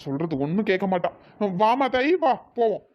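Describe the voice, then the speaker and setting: A man's voice: high-pitched, big pitch swings, a little fast. A man voicing a grumbling young husband, lo-fi. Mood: irritated. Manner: grumbling, snapping. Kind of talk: cartoon voice acting. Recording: dull lo-fi sound.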